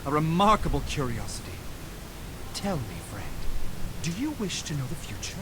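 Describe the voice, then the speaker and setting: High-pitched pompous carnival showman. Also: sing-song, moderate pace, background noise. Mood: wheedling. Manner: grandiose, flustered salesman patter. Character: pompous, theatrical carnival showman with false exotic airs. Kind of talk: theatrical video game acting.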